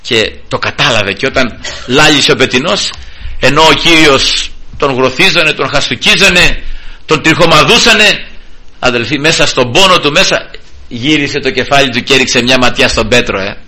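Bright-voiced fervent male preacher. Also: animated. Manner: fervent, swings sharply up and down in pitch and volume; addresses listeners constantly as brothers, halting restarts. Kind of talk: sermon.

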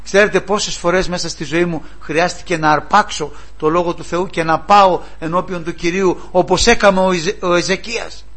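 A man preaching a sermon, impassioned, moving from loud cries to hushed pleading. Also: high-pitched, fairly even intonation, few pauses.

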